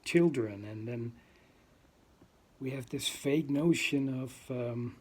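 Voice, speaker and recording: Speaking unscripted in his first vlog, a man from the Netherlands with a Dutch accent stumbles hesitantly through ums and uhs as he searches for the right words. His voice is medium in pitch and slightly rough, and he speaks slowly.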